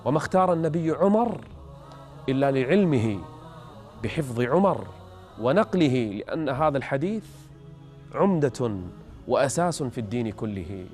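A man's voice: mid-range voice, expressive, moderate pace, long pauses, darkish tone. Male religious programme host, storytelling lecture in formal standard Arabic, music underneath.

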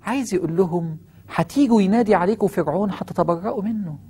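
A man's voice: high voice, quick pace, warm tone, husky. A man with an Egyptian accent preaching on Quranic verses, firing rhetorical questions at his listeners.

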